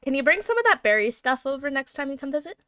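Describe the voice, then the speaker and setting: Woman, livestream game master; bright, clear, dry close sound, chatty and giggly. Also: high-pitched, sing-song, quick pace, no echo. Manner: chatty, laughs often, hums while looking things up. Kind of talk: running a tabletop game on a livestream.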